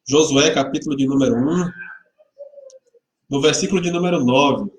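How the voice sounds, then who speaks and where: A man's voice: a little high, moderate pace, slight background noise. Man, pastor, livestreamed service, casual greetings, echoey room, webcam mic. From Salvador, Bahia, Brazil. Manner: chatty and informal, greeting viewers by name, joking lightly. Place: church hall. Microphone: webcam microphone. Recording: roomy webcam sound.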